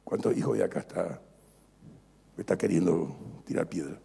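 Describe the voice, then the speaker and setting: A male pastor preaching an animated sermon, joking with the congregation and repeating phrases for emphasis. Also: low voice, normal speed, creaky, breathy edge. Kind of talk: lively sermon. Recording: long reverb of a large church hall.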